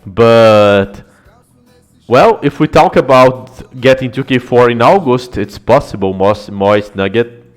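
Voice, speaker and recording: A man's voice: mid-range voice, takes it slowly, faint music behind. A man streaming live game analysis, chatting with viewers, swearing often and laughing a lot.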